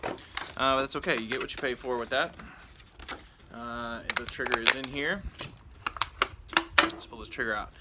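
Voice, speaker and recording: A man's voice: medium pitch, steady tone, normal speed, long pauses, heavy background noise. A man chatting casually and informally outdoors in a backyard, rambling and interrupting himself as he reviews gear. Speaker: product reviewer and vlogger. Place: outdoors in a backyard on a rainy evening.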